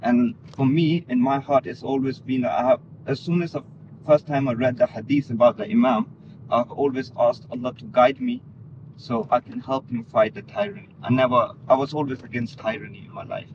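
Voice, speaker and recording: A man from Denmark, appearing as an interview guest, discusses religion in earnest. His medium-pitched voice holds a steady tone at a fairly quick pace, though the recording is muffled, lo-fi, and clearly noisy in the background.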